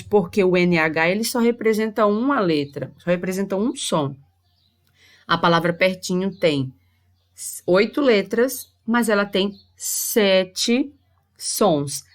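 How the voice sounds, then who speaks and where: A woman teacher with a Brazilian Portuguese accent giving a recorded lesson to sixth graders, spelling out sounds slowly and carefully. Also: medium pitch.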